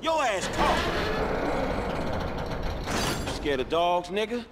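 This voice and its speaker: A streetwise young gangster. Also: male voice, sits high, wildly swooping pitch, slow, full character voice. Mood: coaxing. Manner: drawling, swearing, bossing his dog. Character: streetwise young male getaway driver, level-headed. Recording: video game dialogue with loud noise.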